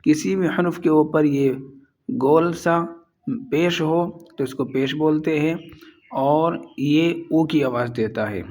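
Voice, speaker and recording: A man teaching a reading lesson, slowly spelling out and repeating each syllable. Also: on the high side, a little mellow. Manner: drills syllables slowly with repetition.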